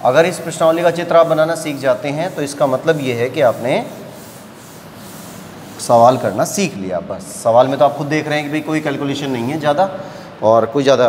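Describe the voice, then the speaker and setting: A man with a fairly high voice teaches maths at a board, working through each step slowly and patiently and checking again and again that his students are following. The long echo of the room hangs behind him, with a faint hum underneath. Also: darkish tone. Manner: slow, patient explaining, often checking "है ना". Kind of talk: classroom lecture at a board. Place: classroom with a board.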